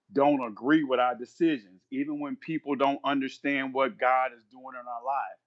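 A man's voice: mid-range voice, dull audio. A man in his fifties, a minister and podcast guest, talking earnestly and quoting scripture as he speaks. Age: 50s. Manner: earnest, repeats himself, quotes scripture. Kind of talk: podcast conversation, preaching-flavored.

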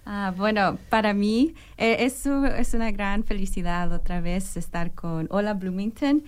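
A young woman from New York, a guest on an interview show, talking in an earnest, measured way with frequent hesitations. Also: mid-range voice, clean tone. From New York, United States. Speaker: guest, disaster program manager. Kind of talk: interview conversation.

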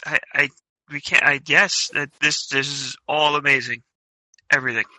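A man playing a tabletop game, talking casually in a halting, effusive way. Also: on the high side, fairly even intonation, bright, forceful tone, no echo, poor audio. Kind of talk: casual improvised play.

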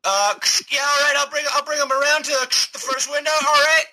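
A man voicing a confused male fast-food worker talking through a crackly drive-thru speaker. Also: extremely high pitch, flat delivery, sharp tone, pitched above the performer's own voice, heavily acted. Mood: flustered. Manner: confused, rambling, second-guessing. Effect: crackly drive-thru intercom speaker. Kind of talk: tabletop game role-play.

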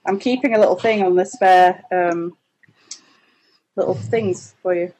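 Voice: mid-range voice, fairly even intonation, unhurried, a little mellow, rough recording. A player at a tabletop game chatting casually, teasing the others and laughing easily.

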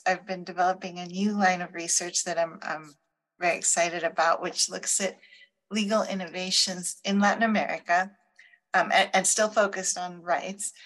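A middle-aged woman from Chile with a slightly low voice speaks as a guest law professor. She answers interview questions in a considered, measured way and pauses now and then to find the right words. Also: a bit bright, rough recording.

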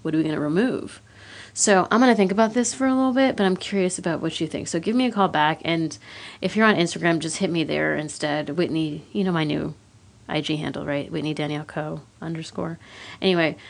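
A woman leaving a casual voicemail for a friend, thinking out loud in a rambling, reflective way with lots of "like" fillers. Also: on the low side, creaky. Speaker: caller.

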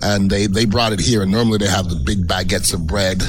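A man's voice: low voice, steady tone, brisk. A man hosting a casual food talk show, rambling and often repeating his words as he goes. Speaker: radio show host and co-host partner. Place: restaurant, recorded on location.

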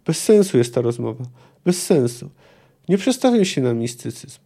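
A man voicing a proud, defiant sorceress who dismisses mysticism, speaking emphatically in a gravelly raised voice. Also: medium pitch, sing-song, normal speed, dark tone. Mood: scornful.

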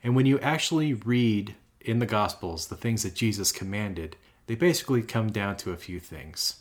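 Low-voiced guy clergy co-host, walks through bible stuff like a teacher. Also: moderate pace. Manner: explanatory, teacherly about scripture. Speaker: ordained clergy podcast co-host. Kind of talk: casual religious podcast chat.

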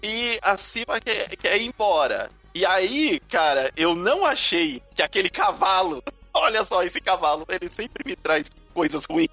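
High bright voice, guy, lively, tells story w/ laughs, faint music. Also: unhurried, creaky. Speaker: podcast co-host. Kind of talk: casual chat about a series.

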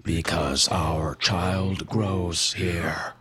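A man voicing a calm, eerie wendigo creature, speaking very slowly in a story reading. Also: sits low, slightly rough, exaggerated voice. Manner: very slow, measured delivery.

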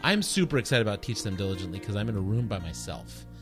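A middle-aged man co-hosting a podcast in a casual, conversational way, with an animated, joking, playful manner. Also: fairly low pitch, fast talker, over music. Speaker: podcast co-host.

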